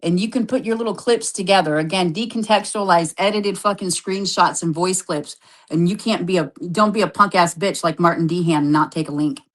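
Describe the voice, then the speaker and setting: A woman's voice: on the low side, brisk, low-quality recording. Confrontational, sweary woman arguing. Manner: confrontational, repeats words for emphasis. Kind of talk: heated argument on a live stream.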